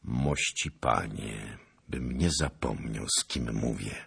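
A man voicing a stern, grieving young officer who speaks in a cold, restrained, measured way in an audiobook. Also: a bass voice, animated, breathy edge, pitched below the performer's own voice, exaggerated voice. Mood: cold restraint. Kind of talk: audiobook character voice.

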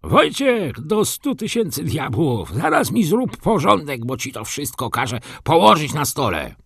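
A man voicing a coarse, bossy young stable hand who yells orders. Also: a little high, wildly swooping pitch, unhurried, gravelly, breathy edge, dry recording, studio quality, pitched above the performer's own voice, exaggerated voice. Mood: yelling.

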